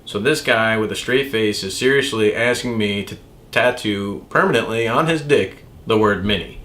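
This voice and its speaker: Tattoo guy rambling on, swears a lot, lowish voice, laid back chat. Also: moderate pace, sharp tone. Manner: rambling, profane, chatty. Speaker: tattoo artist. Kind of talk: casual storytelling monologue.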